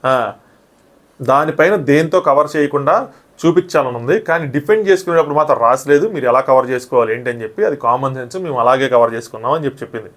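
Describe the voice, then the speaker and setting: Fast-talking man reviewing a show. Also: mid-range voice. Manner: rapid, argumentative, often acts out quoted lines. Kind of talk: casual review talk.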